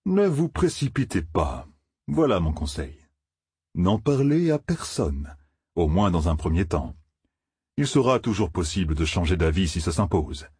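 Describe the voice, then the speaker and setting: A cloaked old gleeman speaks with slow, measured caution, as a man reads him. The voice has a husky grain and sits close and dry in an audiobook. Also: low voice, sing-song, a little mellow, no echo, full character voice. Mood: grave. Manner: slow, weighty counsel.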